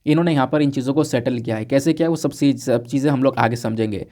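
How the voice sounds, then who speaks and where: A man's voice: mid-range voice, fast, dark tone. A man explaining current affairs in a conversational lesson, asking the viewer questions and answering them himself. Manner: repeats points and checks with "ठीक है ना?". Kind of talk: explanatory exam-prep lesson.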